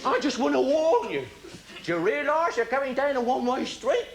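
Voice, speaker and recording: Performing live stand-up before a loud audience, a man plays a nineteen-year-old traffic cop who bullies and mocks with heavy sarcasm. His exaggerated voice is sing-song at a moderate pace, hectoring and swooping widely in pitch.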